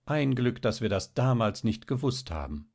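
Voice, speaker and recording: A man doing a brisk, impatient mother. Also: medium pitch, sing-song, a little mellow, voice pushed up. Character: middle-aged mother, practical and impatient.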